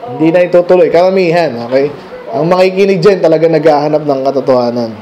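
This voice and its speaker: A man with a Filipino accent preaches a midweek Bible study sermon in a loose, conversational way, mixing in English phrases and rhetorical questions. His voice sits high, with a soft, mellow tone. A faint background hum runs under him. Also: quick pace, poor audio. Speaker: pastor. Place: church meeting room.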